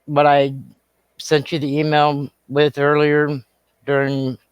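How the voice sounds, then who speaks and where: A man with a smooth, flat voice talks in casual live-stream chat. He rambles and stutters, restarting his sentences as he goes. The sound is dry and close. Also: on the high side, slow, dry recording, muffled recording.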